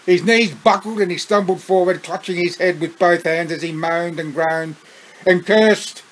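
A man's voice: high voice, steady tone, fairly bright tone, rough recording. Australian man reading his own story. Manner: unhurried, with chuckling asides.

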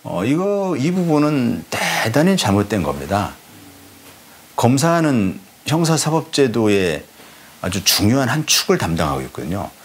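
A man's voice: mid-range voice, very animated, normal speed, husky. A man, a former police chief, giving a firm, critical interview.

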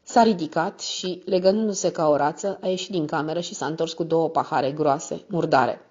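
A woman reading a novel aloud as a steady, measured first-person narrator. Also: deep voice, breathy edge. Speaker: audiobook narrator. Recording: slightly muffled recording.

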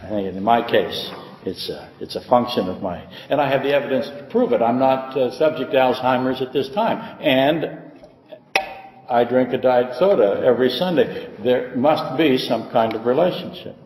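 A man's voice: medium pitch, normal speed, darkish tone. An older male pastor with a lisp, giving a casual, joking Bible lecture and reading letters aloud. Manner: joking, self-deprecating, reads letters aloud. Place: church hall. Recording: echoey hall with long reverb.

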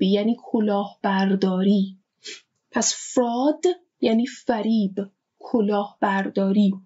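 A woman teacher giving a vocabulary lesson, explaining words slowly and repeating each one with its meaning. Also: a little high, warm tone. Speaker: English teacher. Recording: dull lo-fi recording.

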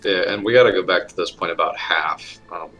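A man appearing as a guest on an investing show, adding halting, casual comments with dry quips. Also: low-pitched, bright, forceful tone, faint music behind, poor audio. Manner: hesitant, restarts, dry quips. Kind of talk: casual chat.

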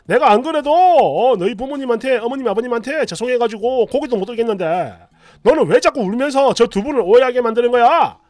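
A man doing a loud blustering husband. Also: very high-pitched, animated, quick pace, few pauses, no room sound, pitched above the performer's own voice. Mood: shouting. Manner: loud, shouting, indignant. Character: angry defensive young husband, blustering.

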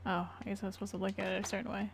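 A woman's voice: medium pitch, monotone, very fast, gravelly, a little hiss or hum. Joking, cursing woman gaming. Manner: casual, profane, joking. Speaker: gaming streamer. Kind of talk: let's-play commentary.

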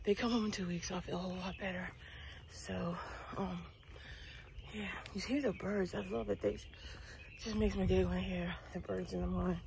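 A woman's voice: on the low side, fairly even intonation, normal speed, vocal fry, background noise. A middle-aged woman vlogging while walking outdoors before dawn, tired and chatty, trailing off with ums, recorded on earbuds with a phone held out. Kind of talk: casual chat while walking. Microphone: wireless earbuds, phone at arm's length.

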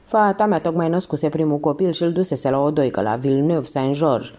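A woman voicing a sly, hoarse old male newspaper seller who grumbles and talks on. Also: deep voice, warm tone, natural voice. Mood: grumbling.

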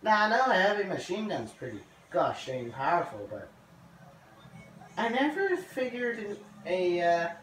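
A man casually commenting on his own gameplay, chatty and self-deprecating, with excitable reactions. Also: high-pitched, unhurried, slight background noise. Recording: echoey, distant mic with loud game music.

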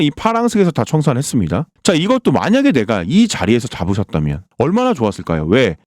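A man delivers a fast, hard-selling crypto chart walkthrough, his pitch leaping high and dropping low from phrase to phrase. He keeps asking the listener questions and answering them himself. The voice is close and dry with no room sound. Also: a little mellow, no room sound. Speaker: crypto channel host.

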